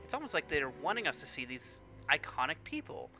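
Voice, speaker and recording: A man gives casual let's play commentary in a chatty, rambling way, full of little fillers. His voice is very bright and a touch high, and it moves up and down a lot. The recording is slightly dull, with a faint hum in the background. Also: big pitch swings, a little fast, soft background music.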